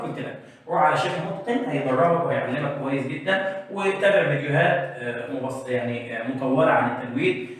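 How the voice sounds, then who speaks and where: A man with an Egyptian accent teaches Quran recitation rules, with a fairly high voice. He stops to chant letters and verses in a long melodic style, then checks in with the student. He sounds far from the mic in a very echoey room. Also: fairly bright tone. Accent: Egyptian Arabic. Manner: checks in often with quick questions to the student. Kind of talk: tajweed lesson for exam students.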